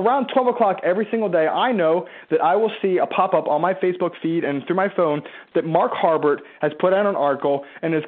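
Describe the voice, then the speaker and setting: A man giving an emphatic, conversational motivational talk as a business coach, firing rhetorical questions at his listeners and mimicking their objections. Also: fairly high pitch. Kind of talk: motivational live talk to followers. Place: a room at home, seated in a chair. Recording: tinny phone-like line.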